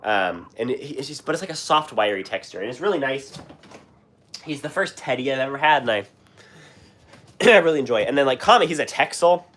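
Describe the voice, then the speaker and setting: Expressive and a little fast, this mid-range male voice carries a fairly bright tone. A young man with a West Coast accent from Washington State, he hosts a livestream and chats with viewers in a rambling way, full of fillers and restarts. He is sick, so he keeps coughing and clearing his throat.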